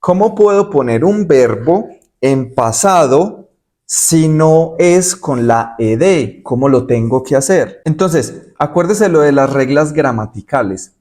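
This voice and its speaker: A darkish-toned male English teacher whose voice sits a little high for a man works through his points methodically. Slow, clearly stressed repetitions of the English examples make it sound like a video lesson recording.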